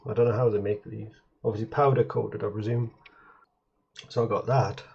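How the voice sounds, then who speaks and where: A man's voice: on the low side, steady tone, moderate pace, gravelly, warm tone, a little hiss or hum. A man giving a casual show-and-tell of computer hardware at a home workbench. He rambles, hesitates and often corrects himself mid-sentence. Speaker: retro computer hobbyist presenter. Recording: slightly dull, muffled audio.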